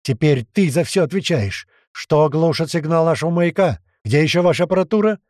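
A hard-bitten male squad leader in an audiobook, shouting threats in a fury, as a male reader puts him on. The tone is mellow, and the delivery swings widely in pitch. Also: sing-song, fast talker, no room sound, clean studio sound. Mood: furious.

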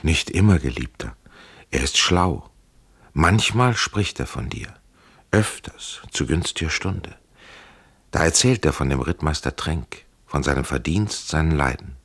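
A man playing an ardent, defiant captive officer in an audiobook, earnest and quietly passionate. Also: rumbling low, expressive, unhurried, slightly rough, full character voice. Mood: persuasive.

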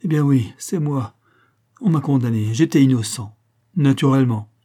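Guy putting on a frantic pleading ex-convict, higher strained voice, husky. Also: normal speed, mellow, close to an everyday voice. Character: desperate ex-convict man, young adult lover.

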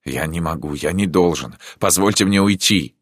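A man's voice: low voice, normal speed, no room sound, clean studio sound. A man reading a troubled, formal prince. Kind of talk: audiobook character reading.

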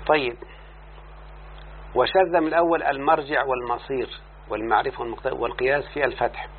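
A man's voice: medium pitch, fairly even intonation, fast talker. A man with an Egyptian accent teaching a lesson in a classroom style, explaining each point and constantly asking his student whether he has understood. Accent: Egyptian Arabic. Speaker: teacher of Arabic morphology. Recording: tinny lo-fi recording with faint hum.

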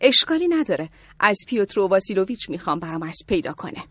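A woman voicing a playful, self-assured young woman in an audiobook drama, in a lively, teasing way. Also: mid-range voice, breathy edge, no room sound. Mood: sassy. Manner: lively, teasing, a little bossy. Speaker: voice actress in an audiobook.

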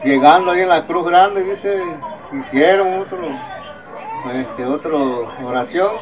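A man's voice: a little high, slow pace, crowd noise, rough recording. An older man from Mexico with an Oaxacan Spanish accent, retelling an oral folk legend, constantly repeating "dice" as he quotes the characters. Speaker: oral tradition storyteller.

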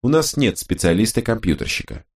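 A man voicing a brisk, businesslike woman detective who speaks precisely and officiously. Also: on the low side, big pitch swings, voice pushed up.

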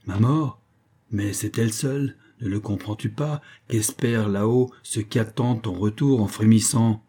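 Un homme qui fait un jeune poète rusé. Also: male voice, lowish voice, moderate pace, warm tone, breathy edge. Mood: defiant. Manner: impassioned and defiant pleading. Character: young male poet, proud, cunning and passionate. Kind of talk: audiobook reading.

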